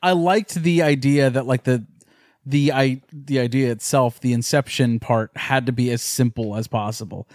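A young man with a middling pitch talks film in a casual frat-bro manner. He is earnest and slangy, swears freely, and sounds dry and close. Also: fairly even intonation, normal speed, a little mellow, no echo. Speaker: podcast co-host.

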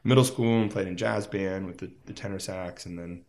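A man from Las Vegas talks as a guest in a casual interview, his voice sitting a little low. He rambles through his stories, piling up fillers as he goes. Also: steady tone, brisk, darkish tone. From Las Vegas, United States. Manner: rambling, filler-heavy storytelling with many "like"s.

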